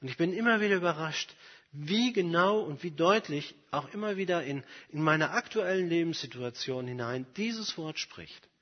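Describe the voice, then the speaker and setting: A man delivers an earnest sermon in a husky, breathy voice, pressing his points hard and then sinking low and quiet. His voice rings with the long reverb of a large hall. The recording sounds dull and lo-fi. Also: lively intonation, moderate pace. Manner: earnest, emphatic, personal examples, swings from loud to very soft. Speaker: preacher.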